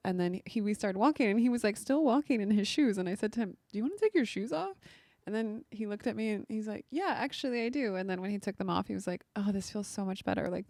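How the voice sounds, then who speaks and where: A woman's voice: mid-range voice, warm tone, no room sound. A young woman telling a date story in a casual, chatty vlog, full of "like" fillers. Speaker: vlogger.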